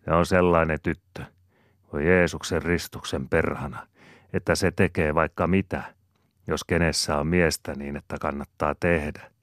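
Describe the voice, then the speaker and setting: A man's voice: rumbling low, fairly even intonation, no echo, clean studio sound. A man voicing an earthy rural man who sighs and jokes crudely. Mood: teasing. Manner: crude, sighing, joking.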